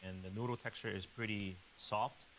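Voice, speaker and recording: A male chef explains food in a fairly low voice. Light hiss runs behind him. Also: steady tone, normal speed, fairly bright tone, low-quality recording. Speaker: chef on a tasting panel. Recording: clear background hiss.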